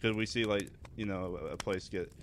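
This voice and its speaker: A man's voice: fairly low pitch, steady tone, brisk, fairly bright tone, a little hiss or hum. A man co-hosting a podcast, bluntly picking apart a film, swearing freely and often restarting his sentences. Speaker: podcast co-host. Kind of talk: casual film review chat.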